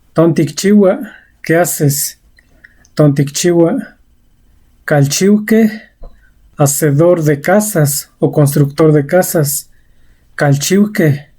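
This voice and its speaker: A woman's voice: low voice, mellow. A woman giving a vocabulary lesson, saying each word and example carefully and repeating it. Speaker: language teacher.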